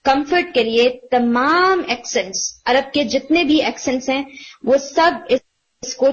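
A woman teaching a Quran recitation class, patiently explaining rules and quizzing her students, often slipping English words into her talk. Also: high voice. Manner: explains patiently, asks students questions and praises answers; mixes English words into Urdu. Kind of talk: online tajweed class. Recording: dull lo-fi audio.

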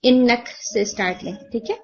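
A woman's voice: a little high, a little mellow. Patient woman tutor. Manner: patient, explanatory, mixing English terms into Urdu. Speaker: Quran recitation teacher. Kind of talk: one-on-one tajweed feedback. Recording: lo-fi muffled audio.

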